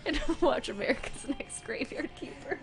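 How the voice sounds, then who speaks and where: A woman chatting casually while playing a game on a live stream, giggly and crude with quick wisecracks. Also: sits high, big pitch swings, faint music behind. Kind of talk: casual chat while gaming.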